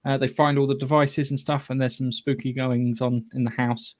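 British man, podcast host, casual film review, opinionated, halting delivery, sweary. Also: mid-range voice, flat delivery.

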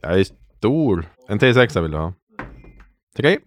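A man's voice: fairly low pitch, very animated, no echo. A man playing a tabletop game, describing his actions matter-of-factly. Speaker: player. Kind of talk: casual game talk.

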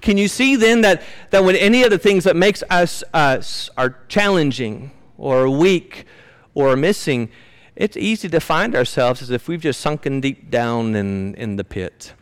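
A man's voice: on the high side, animated, unhurried, clear, resonant tone. A man preaching a sermon as pastor, earnestly putting rhetorical questions to his congregation. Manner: reads scripture aloud with rising emotional emphasis.

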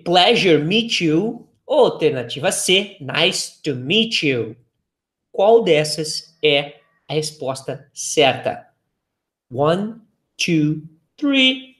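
Slow, patient Brazilian English teacher. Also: medium pitch. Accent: Brazilian Portuguese. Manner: spells out English phrases slowly and clearly, quizzes the listener. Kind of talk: online English lesson with repeat-after-me drills.

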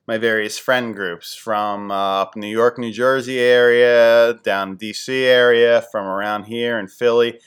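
A man in his forties from the Philadelphia area hosts a podcast in a casual, rambling way. He tells self-deprecating stories at a medium pitch and gets animated when he quotes his friends. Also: a little slow, few pauses, clean tone. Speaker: podcast host. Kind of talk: casual storytelling monologue.

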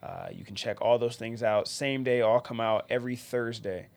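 A male podcast host talks in a casual, friendly way. His mid-pitched voice is noticeably nasal, congested as if by allergies. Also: moderate pace, creaky, a little mellow. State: stuffed up from allergies.

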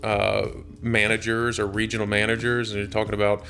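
A man who is a real estate company president, speaking in a measured, earnest way in an interview clip. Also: fairly low pitch, monotone, vocal fry, bright, forceful tone. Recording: faint music behind.

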